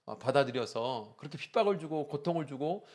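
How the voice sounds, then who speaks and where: A man's voice: on the high side, animated, fairly quick, darkish tone. A male pastor preaching a sermon in church, telling a story with frequent "uh" fillers and rising emphasis.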